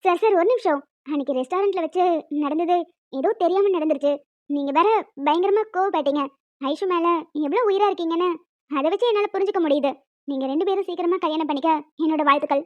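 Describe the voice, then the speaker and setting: Woman doing shrill, fast cartoon village women. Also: no room sound. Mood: coaxing. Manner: fast, dramatic, scolding and tearful. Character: village women and a young daughter, emotional. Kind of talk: cartoon voice acting. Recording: dull, dry lo-fi recording.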